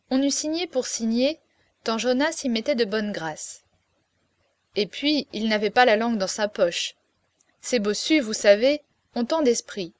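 A woman reads a classic novel aloud with lively, expressive storytelling. Her voice sits a little higher than most. The sound is dry and close, with no room echo. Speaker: narrator. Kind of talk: audiobook reading of a classic novel.

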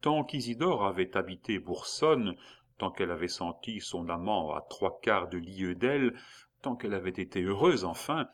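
Male audiobook narrator, lower voice, measured, even reading of a classic novel.

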